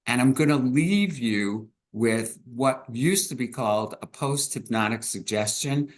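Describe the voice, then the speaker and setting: A man, a clinician guest on a video call, explaining meditation in an easygoing way with halting restarts. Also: medium pitch. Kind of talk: casual explanation.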